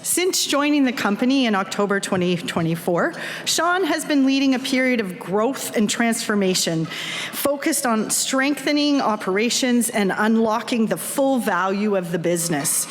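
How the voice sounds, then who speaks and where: A woman's voice: fairly high pitch, expressive, moderate pace. A woman hosting an event, reading a formal scripted introduction with polished corporate enthusiasm. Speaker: event host introducing the keynote speaker. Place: large indoor event hall, on stage. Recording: echoey hall with clear background noise.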